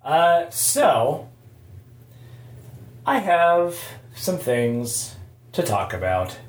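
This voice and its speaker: A man hosting a casual solo podcast from an echoing bathroom, talking in a halting, rambling, informal way. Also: on the high side, very animated. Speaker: podcast host. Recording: echoey bathroom, faint background noise. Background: faint noise, sounds of shaving at sink.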